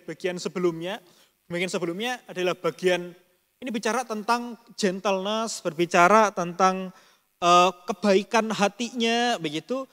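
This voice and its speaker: A man's voice: sits high, pushed and bright, big-room sound. A man preaching a Bible study in casual Indonesian. He rambles with many fillers and speaks straight to the congregation. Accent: Indonesian, Surabaya region. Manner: addresses the congregation directly. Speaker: pastor.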